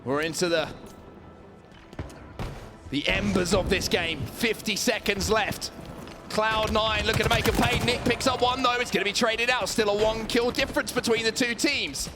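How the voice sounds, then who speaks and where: A man doing dramatic esports play-by-play commentary as a caster, building excitement around the action. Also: sits high, normal speed, music in the background. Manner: dramatic, building to shouts at big plays.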